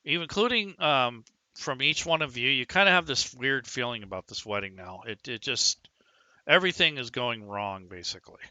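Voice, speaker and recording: A man's voice: mid-range voice, lively intonation, moderate pace, bright, forceful tone, no room sound. A man narrating as game master in a tabletop game, in a casual, rambling way with fillers.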